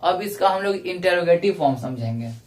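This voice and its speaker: A male English teacher giving a classroom lecture, explaining grammar rules step by step and repeating each example slowly. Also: sits high, expressive, slight background noise. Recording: echoey room, voice from a distance.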